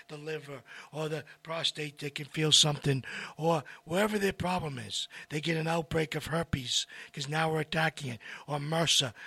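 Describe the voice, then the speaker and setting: Man, bright tense tone, dry close sound, casual health talk, rambling asides. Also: on the high side, breathy edge, no room sound. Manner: rambling, addresses folks directly, animated asides. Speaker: host.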